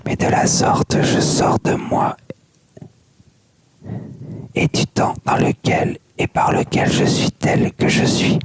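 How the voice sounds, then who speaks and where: An ASMR reader whispering softly without voice, like in a library, reading a book aloud with asides. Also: slow pace, long pauses. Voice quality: unvoiced soft whisper. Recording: very noisy whisper recording with mouth clicks.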